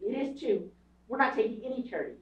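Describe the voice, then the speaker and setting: A fast-talking performer with a natural, medium-pitched voice and big pitch swings plays a blunt, insistent, proud and defiant boy in a stage radio drama. The sound, taken from an audience camera in a small theatre, is echoey, dull, and remote.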